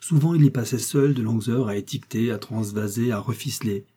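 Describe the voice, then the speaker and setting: A man narrating a classic novel in a measured, steady audiobook reading. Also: mid-range voice, husky. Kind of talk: scripted literary narration.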